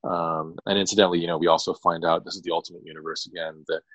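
On a casual podcast, a co-host who works as an attorney rambles through a long retold story, full of ums and restarts. He talks in a racing, low voice with little pitch movement, on a dry, poor-quality recording.

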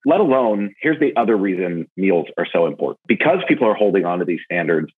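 A man with a low, husky voice speaks casually as an interview guest. He tells animated stories, and his pitch leaps up when he gets excited. The audio is thin and narrow, like a phone call. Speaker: podcast guest, event marketer.

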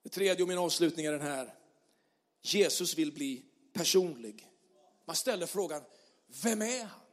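A man preaching a lively sermon as pastor, moving from loud shouts down to soft, quiet lines. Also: a little high. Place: church hall. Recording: long hall reverb.

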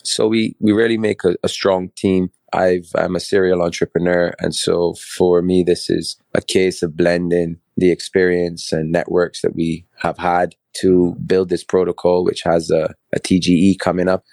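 A middle-aged man from Barbados, a podcast guest explaining his work in fluent, measured sentences. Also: low-pitched, level tone, creaky, darkish tone, dry recording. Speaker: guest, crypto co-founder. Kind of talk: podcast interview.

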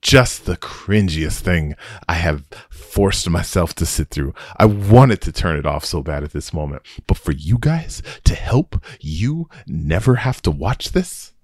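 A man's voice: low-pitched, sing-song, unhurried, darkish tone, no room sound, clean studio sound. A man hosting a solo podcast, giving a rambling, exasperated and joking movie review with frequent restarts. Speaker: podcast host reviewing a film.

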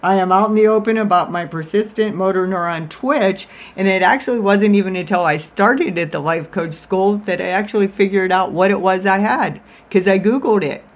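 A woman with a mid-pitched voice speaks out of the side of her mouth in a candid personal monologue. Her delivery is informal and confessional, with a self-deprecating streak, as a life coach hosting her own show. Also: normal speed, few pauses. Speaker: life coach and podcast host.

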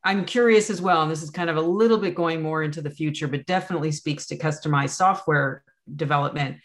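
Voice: medium pitch, fast talker. Interview host asking long, winding questions.

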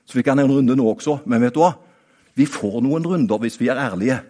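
A man preaching a sermon. He talks straight to his listeners, rising to emphatic high points and then dropping to quiet asides. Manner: animated, talks straight to the listener with repeated "vet du hva?"; swings between raised, emphatic peaks and quiet, low-voiced asides.

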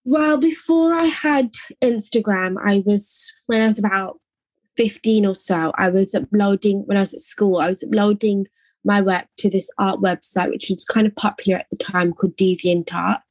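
A young woman from England, an artist answering interview questions in a soft, reflective way, often saying "like" and "I think". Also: mid-range voice, normal speed, no room sound.

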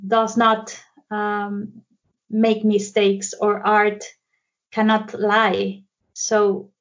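Slow woman, flat delivery. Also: medium pitch. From Mexico. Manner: hesitant, many fillers and restarts. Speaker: guest, psychotherapist and art therapist. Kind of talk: casual interview talk in a second language. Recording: dull lo-fi sound.

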